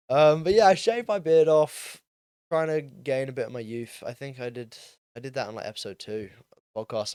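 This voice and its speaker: Rambling young man, smooth dry voice. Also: medium pitch, a little mellow, dry recording. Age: young adult, turning twenty. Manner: rambling, self-deprecating, many ums and likes. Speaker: podcast host. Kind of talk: casual solo monologue.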